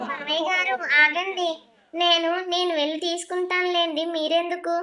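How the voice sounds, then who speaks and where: A woman voicing a timid, devoted young daughter-in-law in a cartoon family drama, soft and self-effacing. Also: extremely high pitch, flat delivery, normal speed. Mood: nervous.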